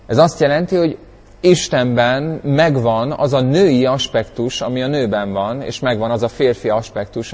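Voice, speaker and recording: A man's voice: medium pitch, darkish tone, big-room sound. A man teaching from the Bible in a conversational way, reflective, often searching for words, with bursts of dramatic emphasis. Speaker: preacher.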